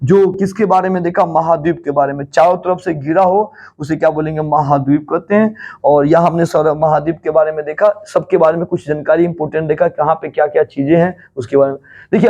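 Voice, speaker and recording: A man with a Bihar Hindi accent teaching a geography lesson, repeating key terms and quizzing the class, rising on questions and dropping low on the answers. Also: darkish tone.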